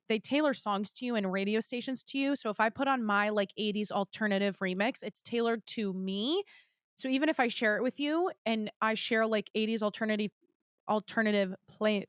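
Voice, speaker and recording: On her podcast, a young woman chats casually on her own, bubbly and gushing as she speaks directly to listeners about her latest favorites. Her voice is fairly high and smooth, captured at studio quality with no echo.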